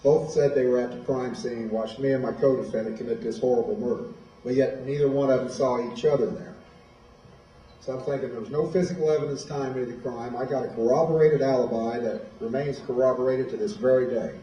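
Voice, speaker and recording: A man in his fifties gives a plainspoken personal testimony to a school audience. His voice is mellow and dark. He sounds distant from the mic, in a roomy hall with noticeable echo. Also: medium pitch, steady tone, a little fast. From Illinois, USA. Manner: plainspoken, storytelling. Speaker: guest speaker at a school. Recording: echoey hall, voice from far off.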